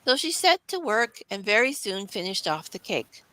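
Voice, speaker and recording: A woman's voice: medium pitch, big pitch swings, normal speed, sharp tone, no room sound, rough recording. A woman reading scripted children's story narration as the storybook's narrator.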